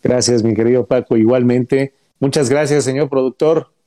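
A man speaks with a mellow, rounded tone at a medium pitch. He is courteous and effusive, offering kind words to his co-host in casual chat. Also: fairly even intonation, normal speed. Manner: warm, courteous, a bit effusive. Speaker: insurance expert co-host.

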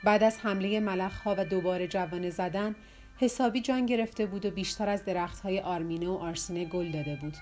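A woman reads an audiobook in a calm, measured way, her voice sitting at an ordinary middle pitch. Soft music plays faintly underneath the narration. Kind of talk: scripted narration.

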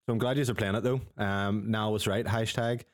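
Man as a cheeky co-host. Lowish voice, dry close sound, teasing. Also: steady tone, fairly quick, no echo. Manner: teasing, cheeky, swears freely. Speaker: podcast co-host. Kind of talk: casual banter podcast.

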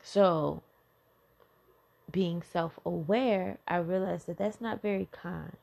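A woman's voice: on the low side, slow pace, vocal fry, darkish tone. A woman and mother talking candidly and bluntly about her childhood and parenting, swearing freely in a conversational way. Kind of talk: candid personal talk on self-healing.

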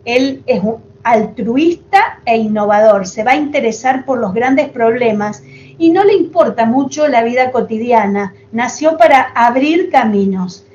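A woman's voice: on the high side, measured pace, lo-fi sound, a little hiss or hum. Chatty Argentine-woman host. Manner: chatty, affectionate, animated storytelling with asides. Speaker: podcast host. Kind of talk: casual chat.

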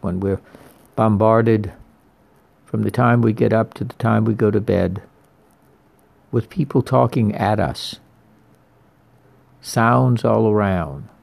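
Slow, gravelly-voiced male preacher. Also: on the low side, a little mellow. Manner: slow, deliberate preaching with repeated phrases. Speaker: priest. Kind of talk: sermon.

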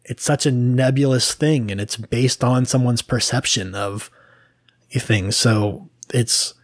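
Male podcast co-host, relaxed rambler, close dry mic. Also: medium pitch, slow pace, no room sound. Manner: rambling, hedging with fillers. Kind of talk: casual podcast chat.

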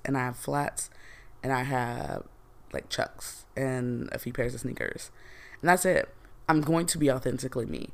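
A woman hosting a solo podcast, talking casually with slang and plenty of fillers. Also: a bass voice. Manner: chatty and slangy, with frequent fillers. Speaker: podcast host.

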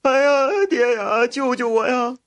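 A man's voice: extremely high pitch, steady tone, a little slow, a bit bright, pitched above the performer's own voice, full character voice. A man voicing a spoiled teenage son of a rich family, wailing and pleading in a told folk tale. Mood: panicked pleading.

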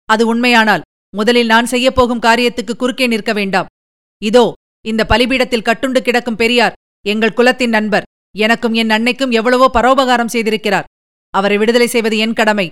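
Hero: a woman doing a brave young warrior prince, earnest and defiant, clear smooth tone. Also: on the high side, steady tone, a little fast, a bit bright, lightly acted.

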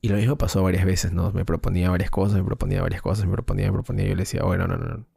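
A man's voice: low voice, flat delivery, racing, gravelly, dark tone, breathy edge, no echo, clean studio sound. A man, co-hosting a podcast, telling a long story in a rambling casual way, full of slang and restarts. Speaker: podcast co-host, filmmaker. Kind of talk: casual chat.

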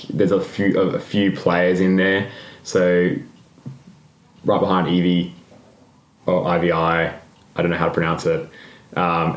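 Man, casual podcast chat, very low voice, roomy echoey sound, rambling. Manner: rambling, laughs often, self-correcting. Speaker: podcast co-host. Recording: roomy echo.

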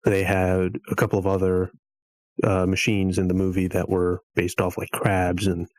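A man's voice: low voice, completely flat delivery, moderate pace, no room sound, rough recording. A man, a podcast guest, chatting casually in a hesitant, meandering way.

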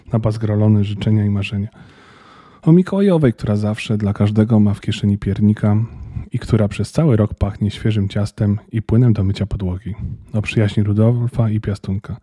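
A man reading a children's story aloud, calm and even. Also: on the low side, moderate pace, no echo, clean studio sound. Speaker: narrator.

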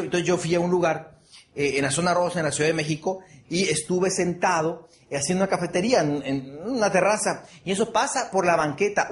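Man, high-pitched voice, motivational speech to an audience, earnest, repeats phrases, asks for agreement. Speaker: motivational speaker.

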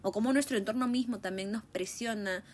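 A woman's voice: medium pitch, brisk. Reflective young woman musing aloud. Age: 20s. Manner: thinking aloud, musing, ends points with a questioning tag. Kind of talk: reflective casual monologue.

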